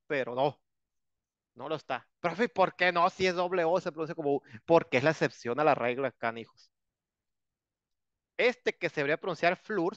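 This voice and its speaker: A man's voice: fairly high pitch, fairly bright tone, no echo. A man with a Mexican Spanish accent teaching an English lesson in a casual, joking way with colloquial asides. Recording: dull lo-fi dry sound.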